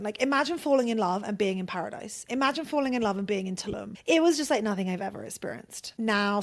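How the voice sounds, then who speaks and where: A woman podcast host telling a personal story in a loose, conversational monologue. Her voice sits at an ordinary middle pitch. She talks freely, swears often and fills her sentences with "like.". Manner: chatty, swears freely, heavy use of "like".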